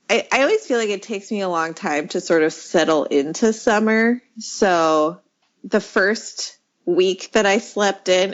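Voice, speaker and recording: A woman co-hosting a podcast in casual chat, sounding sleepy and quick to laugh. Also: lowish voice, lo-fi sound. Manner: laughs readily while talking. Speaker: podcast co-host.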